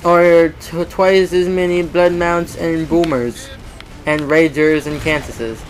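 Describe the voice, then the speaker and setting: A man giving casual let's-play commentary on a shooter game, excitable and self-mocking, talking to the game and repeating words in bursts. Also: on the high side, slow pace, faint music behind, low-quality recording. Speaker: gamer playing a shooter game.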